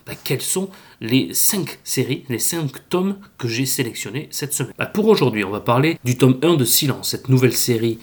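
A man's voice: medium pitch, lively intonation, moderate pace, few pauses, breathy edge. Hesitant, chatty male manga reviewer. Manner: hesitant, lots of filler sounds, chatty. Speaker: manga podcast host. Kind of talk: casual spoken review.

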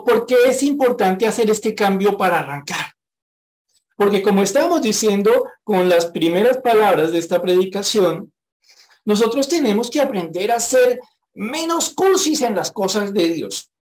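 A man preaching a sermon who reads scripture aloud and then explains it frankly, slowing down to repeat a verse with rising emphasis. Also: sits high, lively intonation, a little mellow.

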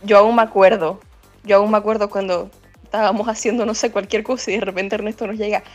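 A woman's voice: mid-range voice, fairly even intonation, quick pace, soft background music. A woman with a Venezuelan accent, a podcast guest, chatting expressively and exclaiming often. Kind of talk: casual chat.

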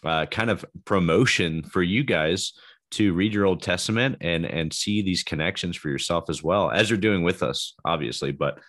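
A man's voice: low voice, moderate pace, a bit bright. A man co-hosting a podcast, talking about scripture in an enthusiastic, hesitant way, laughing easily. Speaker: podcast co-host. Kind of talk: casual Bible chat.

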